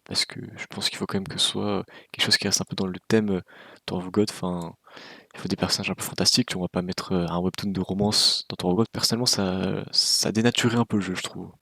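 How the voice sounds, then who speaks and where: Low gravelly man, wry game commentary. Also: flat delivery, fast, pushed and bright, no echo. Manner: opinionated, wry and candid. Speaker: gaming video creator. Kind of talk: casual game news commentary.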